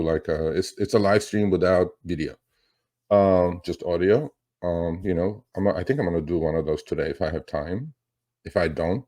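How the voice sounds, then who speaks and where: A man's voice: deep voice, a little mellow. A middle-aged man hosting a finance show, talking casually and rambling, with many fillers and restarts. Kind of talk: casual market commentary.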